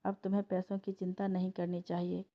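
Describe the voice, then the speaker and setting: A woman's voice: on the low side, monotone, fairly quick, lightly acted. Sahas, a teasing young boyfriend, read by a woman. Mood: playful. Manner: teasing, affectionate. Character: young man, playful rich boyfriend. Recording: dull lo-fi recording.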